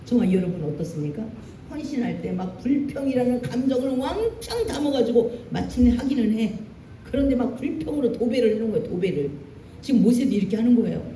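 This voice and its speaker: A woman pastor preaching a sermon in a church, animated, acting out lines in a raised voice. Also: fairly high pitch, brisk, reverberant, distant mic, a little hiss or hum. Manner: animated preaching, acts out Moses' angry lines. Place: church sanctuary.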